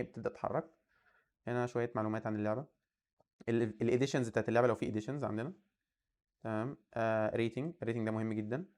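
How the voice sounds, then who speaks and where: A man's voice: medium pitch, darkish tone. A young Egyptian man in his twenties talks at a breakneck pace. He hosts a coding channel and thinks aloud casually as he browses and comments, with a mid-range voice. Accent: Egyptian Arabic. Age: 20s. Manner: rapid, chatty, thinking aloud while browsing. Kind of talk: casual screen-share commentary.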